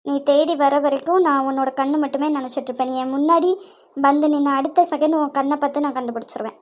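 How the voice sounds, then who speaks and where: Cartoon role: a woman playing a devoted little girl, high voice, earnest, Kanyakumari Tamil accent. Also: steady tone, quick pace, close to an everyday voice. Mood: tender. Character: sweet, trusting young girl.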